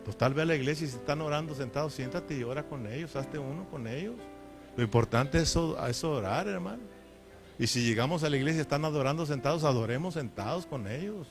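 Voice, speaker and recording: A man's voice: a little high, brisk, music in the background. A man preaching a sermon as pastor. He is emphatic, keeps calling his listeners brother, and asks them rhetorical questions. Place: church.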